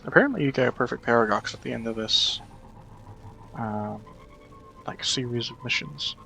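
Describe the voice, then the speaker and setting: A man's voice: medium pitch, normal speed, gravelly, pushed and bright. A man streaming a game, rambling and correcting himself as he thinks aloud. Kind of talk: casual gameplay commentary.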